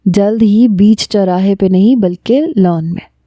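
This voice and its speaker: A woman's voice: mid-range voice, dark tone, dry recording, lightly acted. A woman reading the lines of a playful, teasing young man in a romance storybook. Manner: cheeky, joking.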